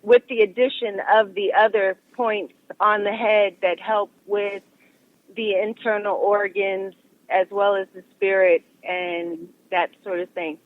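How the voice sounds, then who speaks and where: A woman who practises massage talks in a calm, explanatory way as an interview guest, calling in on speakerphone while she drives. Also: mid-range voice. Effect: speakerphone call from a car. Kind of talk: casual interview chat. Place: driving in a car. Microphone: phone on speaker. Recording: tinny dry phone line.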